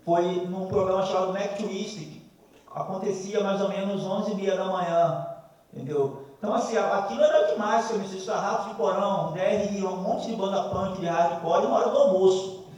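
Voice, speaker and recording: A man's voice: sits high, normal speed, darkish tone. A man from the audience giving an emotional, rambling testimony after a screening. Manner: emotional, rambling, repeats "assim". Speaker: audience member, radio listener. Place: screening hall. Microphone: distant hall microphone. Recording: echoey hall from far off.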